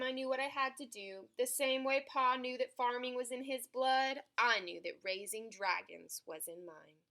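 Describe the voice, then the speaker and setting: Here a female storybook reader brings a children's picture book to life, reading it aloud with plenty of expression. Her voice is fairly high.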